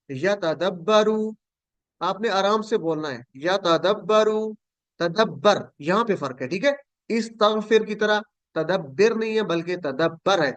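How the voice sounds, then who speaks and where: A high-pitched man leads an online class, drilling verb forms and repeating each one slowly. His voice is dry and close, with no room around it. He corrects his students patiently. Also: fairly bright tone, no echo. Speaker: Quran Arabic teacher.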